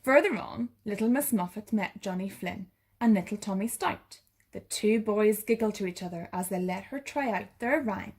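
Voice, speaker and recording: A woman narrating a bedtime story for children in a gentle sleep-story manner. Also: mid-range voice, normal speed, slightly rough. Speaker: bedtime story reader for a primary school.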